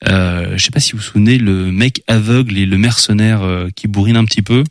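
A man presenting on a talk show in a relaxed, chatty way, with many hesitations. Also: fairly low pitch, brisk, dry recording, clean studio sound. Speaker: radio show columnist. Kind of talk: casual chat presenting manga.

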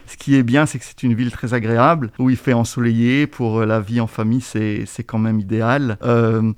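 A man, answering interview questions in a measured, explanatory way with frequent hesitations. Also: medium pitch, little pitch movement, clean tone, dry recording, clean studio sound. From Belgium. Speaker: guest, agency staff member.

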